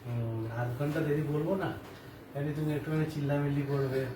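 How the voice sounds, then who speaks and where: A man's voice: fairly high pitch, fairly even intonation, fast talker, dark tone. A man playing a husband in a home skit, talking in a playful, teasing way. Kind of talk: acted domestic skit. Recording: echoey room from a distance with noise.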